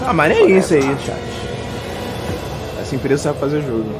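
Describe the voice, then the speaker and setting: Brazilian guy streaming, sweary slangy chat, voice jumps around, loud music behind. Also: fairly high pitch, big pitch swings, fast talker. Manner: foul-mouthed, slangy. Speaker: livestreamer. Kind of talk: casual livestream reaction chat.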